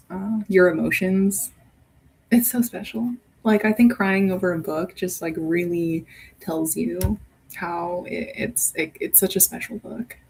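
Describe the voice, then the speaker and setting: A woman's voice: medium pitch, a little mellow, husky, poor audio. A woman hosting a casual livestream. She talks in a chatty, giggly, rambling way, often restarting her sentences. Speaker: livestream host.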